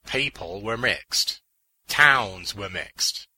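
A man voicing a measured, formal male knight. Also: on the low side, lively intonation, pushed and bright, a little hiss or hum, heavily acted, rough recording. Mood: solemn.

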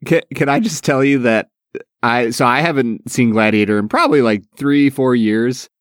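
A man's voice: mid-range voice, moderate pace, no room sound. Slangy young man chatting, dry close sound. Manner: bro-ish, slangy, joking. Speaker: podcast co-host. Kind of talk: casual chat.

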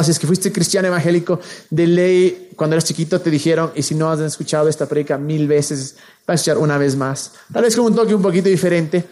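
A man preaching a casual, slang-filled sermon, retelling a Bible story with lively acted-out quotes. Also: on the high side. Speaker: youth pastor.

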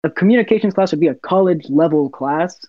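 A young man, a university student, chatting as an interview guest, soft-spoken and quick to laugh as he acts out little scenes. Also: fairly high pitch, dry recording, muffled recording. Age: young adult. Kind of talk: casual interview chat.

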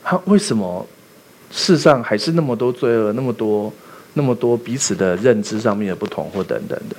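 A man preaching a sermon as pastor, animated and quizzing the congregation with rhetorical questions. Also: on the low side, a little fast, a little hiss or hum.

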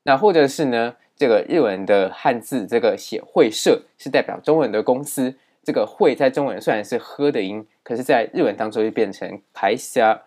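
A man teaching a language lesson in a steady explaining manner, with many fillers. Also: medium pitch, a little fast, few pauses.

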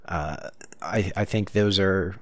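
A man co-hosting a podcast in casual chat, relaxed and hesitant with frequent restarts. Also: low voice, slow, no room sound, clean studio sound. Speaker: podcast co-host.

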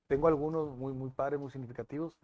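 A man, a TV news presenter being interviewed, telling stories in a lively way with many restarts. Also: mid-range voice, fast, lo-fi sound. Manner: animated storytelling with frequent restarts. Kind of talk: casual interview chat.

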